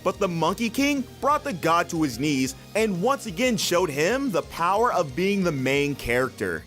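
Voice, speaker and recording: Man narrating a countdown, lively pitch swings. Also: moderate pace, music in the background. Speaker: narrator of an anime countdown video.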